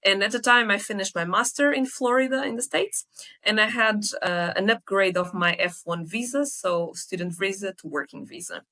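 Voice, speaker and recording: A young woman from Portugal, a sales hiring expert, telling her story in a lively, conversational interview with many fillers. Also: mid-range voice, moderate pace. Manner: lively storytelling with frequent fillers and self-corrections.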